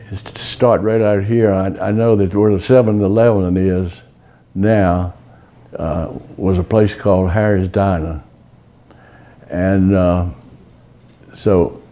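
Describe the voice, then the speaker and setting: A man in his eighties from Virginia, reminiscing about his hometown in an unhurried, folksy way, with many pauses and fillers. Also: deep voice, mellow. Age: 80s. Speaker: local resident sharing memories. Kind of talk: casual reminiscing. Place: outdoors on a town street.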